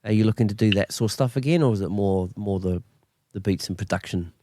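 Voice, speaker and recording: A man's voice: lowish voice, fast, mellow, no echo. A man with a broad New Zealand accent hosting a casual, matey chat interview in an encouraging, laid-back way. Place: at home on a remote call.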